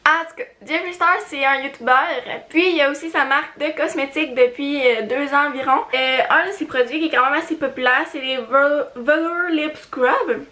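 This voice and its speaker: Young woman, Quebec French accent, high voice, chatty beauty vlog, lots of fillers. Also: moderate pace, hardly any pauses, sharp tone. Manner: chatty, hesitant, many fillers, giggly. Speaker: beauty vlogger. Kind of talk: casual haul video.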